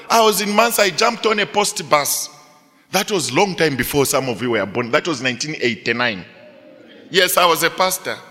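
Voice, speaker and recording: A middle-aged male pastor preaching to students, telling a story with animated delivery and frequent rhetorical questions. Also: high-pitched, in a large hall. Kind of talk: sermon to students.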